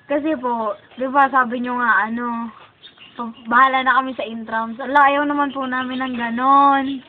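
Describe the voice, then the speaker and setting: A woman's voice: high voice, steady tone, moderate pace. A teenage schoolgirl coaxing her teacher in a chatty way, apologizing for the class. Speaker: student. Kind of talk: casual apology video. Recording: tinny lo-fi camera with faint hiss.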